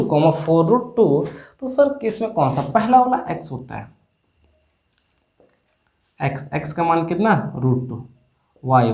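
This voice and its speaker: A male math teacher with a Jharkhand Hindi accent talks students through a lesson in a relaxed, chatty way. He keeps asking questions and answering them himself, teasing as he goes. His voice sounds roomy and echoey. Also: on the high side. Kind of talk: casual classroom tutorial. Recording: echoey room.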